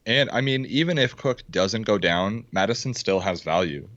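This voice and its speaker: A man co-hosting a casual fantasy football podcast over a video call, talking excitedly and pounding the table. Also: fairly low pitch, normal speed, no echo. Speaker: podcast co-host. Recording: dull, dry lo-fi sound.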